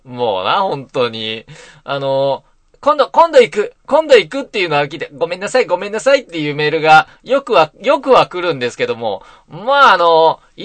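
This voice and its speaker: A middle-aged voice actor hosts a casual solo net radio show, rambling in a self-deprecating way. He has a fairly high, slightly bright voice, recorded dry on a close mic in a soundproof booth.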